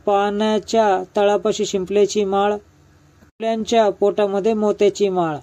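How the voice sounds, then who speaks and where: A man voicing a scheming woman who feigns madness by chanting nonsense rhymes in a soft singsong. His voice stays high and dark-toned. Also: flat delivery, moderate pace, lightly acted.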